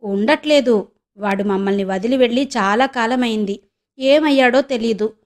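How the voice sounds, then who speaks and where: A woman's voice: fairly high pitch, moderate pace, lightly acted. A woman voicing a young village woman who is searching for her lost brother, speaking earnestly and pleadingly in an audiobook. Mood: subdued.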